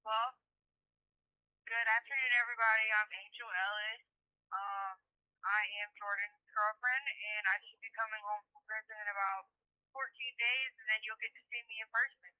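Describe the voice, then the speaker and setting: A woman with a drawl speaks over a prison phone line, her sharp, bright voice thinned and muffled by the tinny connection. She chats with her boyfriend in a loose, easygoing way, stretching her fillers as she talks. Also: fairly high pitch. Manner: relaxed, chatty, drawn-out fillers. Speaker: inmate calling her boyfriend. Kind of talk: casual phone chat.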